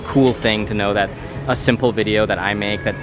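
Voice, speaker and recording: Over music, a young Romanian man with an American accent chats casually about food in an interview, his voice on the low side and brisk. The food video creator sounds relaxed, rambling with fillers.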